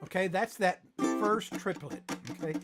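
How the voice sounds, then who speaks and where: A man teaching a ukulele lesson on a live stream, talking in a relaxed way while he plays and calls out tempos. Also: sits high, unhurried, over loud music. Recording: loud ukulele playing under the voice.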